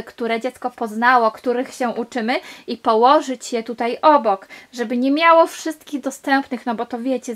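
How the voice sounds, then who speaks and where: A woman reviewing a children's board game on video, explaining enthusiastically step by step as she handles the pieces. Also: fairly high pitch.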